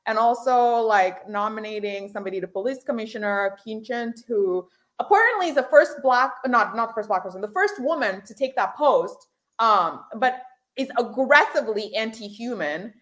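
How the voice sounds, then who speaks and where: A woman with a higher, very animated voice hosts a casual comedy podcast. She jokes, wanders into tangents and laughs often as she talks with her guest. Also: moderate pace. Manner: joking, tangents, frequent laughs. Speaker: podcast host.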